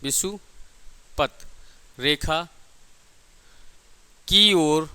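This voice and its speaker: A physics teacher coaching students for exams gives a classroom lecture in a voice that is on the high side, sharp in tone yet smooth, and very slow. He teaches didactically, repeating points and posing rhetorical questions.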